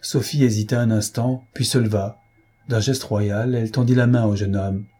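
Very husky, dark male narrator. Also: fairly low pitch, steady tone, moderate pace. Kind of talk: audiobook reading of a classic novel.

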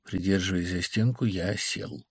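A man reading an audiobook in a measured, even storytelling voice on a close studio mic. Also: low voice, creaky, slightly rough, dry recording. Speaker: audiobook reader. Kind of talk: audiobook narration.

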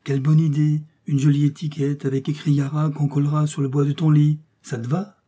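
A man voicing a gentle, coaxing mother mouse in a storybook reading. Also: a little high, level tone, fairly quick, lightly acted.

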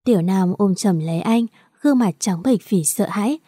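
Woman narrator, mellow dark voice, dry close sound, even storytelling. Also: mid-range voice, moderate pace, dry recording. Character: little girl Nam Nam, about nine, pleading.

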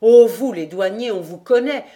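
A woman voicing a boastful, mocking old skipper in an audiobook, teasing loudly. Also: fairly high pitch, moderate pace, lightly acted. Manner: loud teasing.

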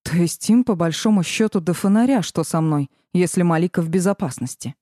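Woman reading a fantasy audiobook in first person, wry tone, lowish mellow voice. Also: brisk, no echo, studio quality. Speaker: audiobook narrator.

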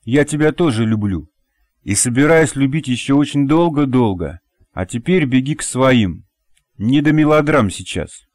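A male audiobook reader voicing a middle-aged father, husky and firm but tender toward his daughter. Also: mid-range voice, lively intonation, moderate pace, no echo, close to an everyday voice. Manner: firm, husky, gently mocking. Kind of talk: audiobook character voice.

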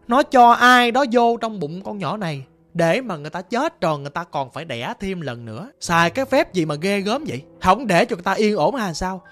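A woman with a Southern Vietnamese accent narrating a ghost story in a hushed, somber, conversational way. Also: mid-range voice.

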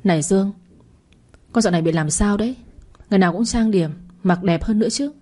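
A woman's voice: medium pitch, brisk, dark tone, natural voice. A woman voicing a worried, weeping middle-aged mother in a narrated audio story. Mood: prying. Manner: tearful, pleading.

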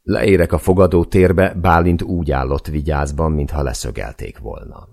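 A man reading a novel aloud in the first person, with intimate, measured storytelling. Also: rumbling low, fairly even intonation, creaky, darkish tone. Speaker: audiobook narrator.

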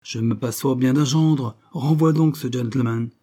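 A man's voice: medium pitch, unhurried, dark tone, slightly rough. A man reading an audiobook, voicing a proud, stern older father who blusters emphatically. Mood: blustering.

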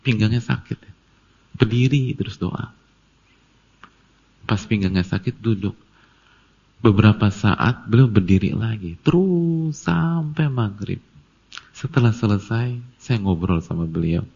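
A male preacher delivers a sermon in a gravelly, husky voice. He tells stories, rising to forceful emphasis and dropping to hushed near-whispers. The recording is dull and lo-fi, like an old lecture tape. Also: on the low side, a little slow, pauses often. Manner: storytelling, swinging from loud emphasis to near-whispered tearful passages. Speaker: Islamic preacher.

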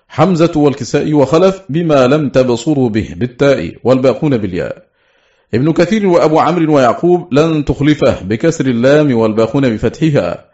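A man reading a scholarly text aloud in a steady, deliberate way, chanting some quoted verse words. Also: medium pitch. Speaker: audiobook reader. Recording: slightly dull lo-fi recording.

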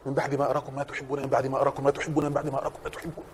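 A man preaching a sermon in an Egyptian Arabic accent, swinging from hushed, reflective passages to impassioned shouting. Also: mid-range voice, completely flat delivery, rapid-fire, noisy background.

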